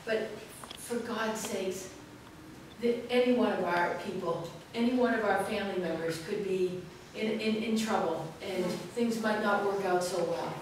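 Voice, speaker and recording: A woman's voice: medium pitch, measured pace, distant mic, a little hiss or hum. Emphatic older woman moderator, echoey room. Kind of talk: introducing a panel discussion. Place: small meeting room indoors. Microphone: far room mic.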